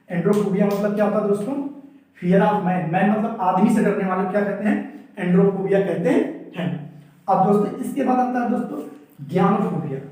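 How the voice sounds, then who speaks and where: A high-pitched man teaches a vocabulary lesson in a strongly echoing room. He explains each word, then asks the viewer to repeat it back. He sits well away from the mic. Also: darkish tone. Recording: echoey room, mic far off.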